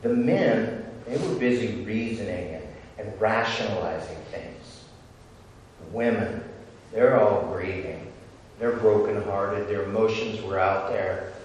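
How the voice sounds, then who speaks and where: A man preaching a sermon as a pastor, swinging from loud, excited passages to very quiet, intimate ones. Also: on the low side, unhurried, slight background noise. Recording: echoey hall from far off.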